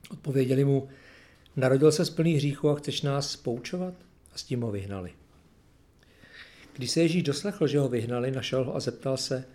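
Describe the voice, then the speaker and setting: A man's voice: mid-range voice, warm tone. A man reading a gospel passage aloud and then reflecting on it in a casual, hesitant way with many fillers. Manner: plain, unhurried reading, then searching, hesitant talk with fillers. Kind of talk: Bible reading followed by personal reflection.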